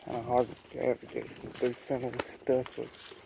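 Riding a forest trail, a man chats folksily to his horse and his viewers in casual vlog commentary. His mid-range voice is monotone and creaky at normal speed, captured by a head- or helmet-mounted camera mic with noisy outdoor audio.

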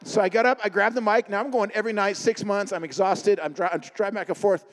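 A middle-aged man preaching with high-pitched, rapid energy. He tells his stories in an animated way and acts out the dialogue. His voice rings out in a long hall reverb. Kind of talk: humorous sermon with stories.

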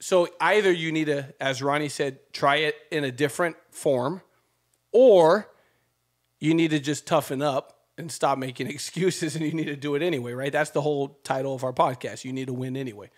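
A man in his thirties co-hosting a podcast, talking in a lively, motivational way at a desk microphone in a home studio. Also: a little high, moderate pace. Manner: animated and preachy, gestures a lot. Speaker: podcast co-host. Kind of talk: casual podcast chat. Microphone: desk mic on a stand.

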